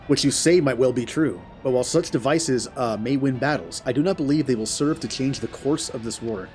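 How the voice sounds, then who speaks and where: A man's voice: medium pitch, brisk, a little mellow, faint music behind, close to an everyday voice. A man voicing proud, grandiose fantasy game characters, reading in a formal, declamatory way.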